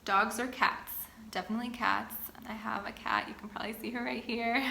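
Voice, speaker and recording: A woman in her twenties from the Boston area sits at home and answers viewer-style questions one by one in a relaxed, chatty way. Her voice is bright and clear. The room is echoey, with a faint hum of ambient noise behind her. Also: a little high, brisk. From Boston area, United States. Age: 20s. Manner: chatty, reads questions then answers at length. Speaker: vlogger. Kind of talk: sit-down get-to-know-me chat.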